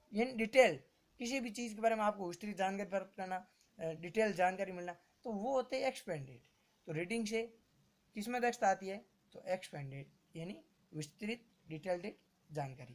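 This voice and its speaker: A male teacher giving an exam-prep lecture who repeats each term and keeps asking rhetorical questions, addressing his listeners as friends. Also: high-pitched.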